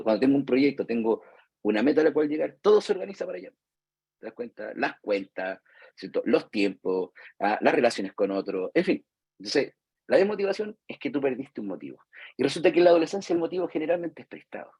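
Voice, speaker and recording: Chilean man lecturing, husky and dry. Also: medium pitch, darkish tone, dry recording, highs cut off. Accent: Chilean Spanish. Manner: conversational, acts out patients and parents, frequent "¿cierto?" tags. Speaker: psychologist lecturer. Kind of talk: live lecture to therapists.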